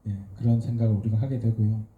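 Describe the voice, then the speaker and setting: A man's voice: on the low side, flat delivery, fast, roomy sound, narrow, tinny audio. A man, a guest writer at a post-screening talk, speaking thoughtfully with many fillers and restarts. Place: event hall.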